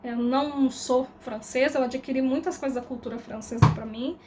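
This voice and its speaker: A woman's voice: sits high, fairly even intonation, normal speed, very noisy. A Brazilian woman in her thirties with a Brazilian Portuguese accent, vlogging in a candid, rambling way, with slang and loose fillers. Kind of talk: casual reflective monologue to camera.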